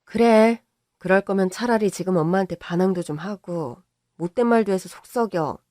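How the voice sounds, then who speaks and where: A woman's voice: medium pitch, moderate pace, darkish tone, no echo, studio quality, natural voice. A voice actor playing a loving, stubborn middle-aged mother who plays down her own troubles. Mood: teasing.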